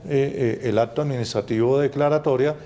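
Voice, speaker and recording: Deliberate man with faint noise. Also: mid-range voice, fairly even intonation, dark tone. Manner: halting, deliberate. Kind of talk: formal legalistic interview answer. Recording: faint ambient background noise.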